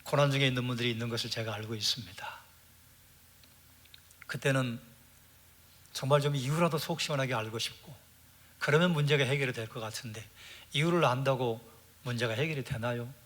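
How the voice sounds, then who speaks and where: A male pastor preaching a sermon with rhetorical questions, moving between loud emphasis and hushed lines, then leading a prayer. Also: medium pitch, fairly quick, long pauses.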